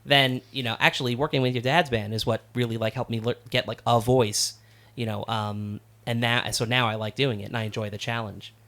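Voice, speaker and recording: A man talking as a guest musician in a casual studio chat, relaxed and rambling with plenty of fillers. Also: mid-range voice, a little fast.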